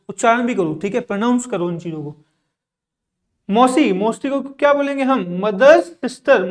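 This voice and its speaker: A male English teacher giving a classroom lesson in Hindi, asking questions and answering them himself, with lots of repetition. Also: extremely high pitch. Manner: drills and repeats with frequent "theek hai".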